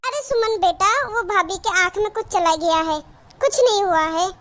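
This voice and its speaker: A woman doing a gentle cartoon mother. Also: very high-pitched, moderate pace. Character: caring middle-aged mother, soothing and worried. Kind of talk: cartoon voice acting.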